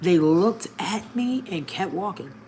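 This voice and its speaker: A woman speaks directly to her viewers as she recounts a personal story, blunt and plainspoken. Her casual, emphatic delivery is expressive and unhurried, leaping up in pitch and volume, and a faint hiss or hum sits under the audio.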